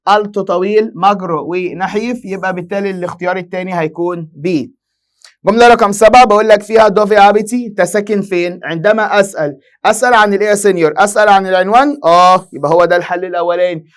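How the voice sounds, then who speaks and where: A man's voice: high-pitched, fairly even intonation, very fast. A young Egyptian man with an Egyptian Arabic accent teaching an exam-prep lesson, firing rhetorical questions at students and answering them himself. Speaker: Italian language teacher.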